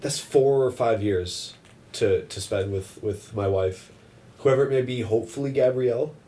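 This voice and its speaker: A man's voice: mid-range voice, moderate pace, mellow. An eighteen-year-old man co-hosting a podcast, easygoing and jokey in casual chat. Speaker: podcast co-host. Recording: mic at a distance.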